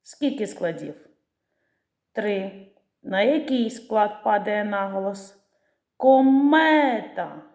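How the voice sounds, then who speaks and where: A woman teacher leads young children through a literacy lesson, drawing each word out syllable by syllable. Her voice is mellow and unhurried. The recording carries a roomy echo. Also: medium pitch. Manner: slow, syllable-stretching pronunciation of words. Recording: echoey room.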